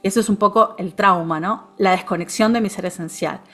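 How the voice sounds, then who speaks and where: A woman with a Rioplatense Spanish accent, a therapist guest explaining things in a calm, reflective way, often ending her phrases with a questioning tag. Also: medium pitch, brisk, faint music behind. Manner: calm, reflective, frequent "¿no?" tags. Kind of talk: conversational explanation.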